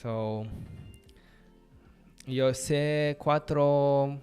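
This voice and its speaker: Very slow and steady, a medium-pitched, slightly mellow, clean voice belongs to a Romanian-accented man hosting a casual live-coding stream. English isn't his first language, and he rambles through his thoughts aloud with many fillers. Faint music plays behind him.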